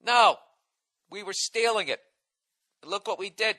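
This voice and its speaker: A man's voice: high-pitched, moderate pace, bright, forceful tone. A man in his forties with a Boston accent, ranting and swearing on his solo podcast, exasperated. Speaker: podcast host.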